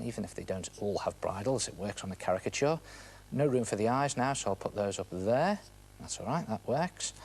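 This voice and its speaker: A man with a lowish, darkish-toned voice and British accent hosts a children's art TV show, demonstrating a drawing step by step. Chatty and playful in emphasis, he asks the viewer questions and supplies the answers, with slight background noise present.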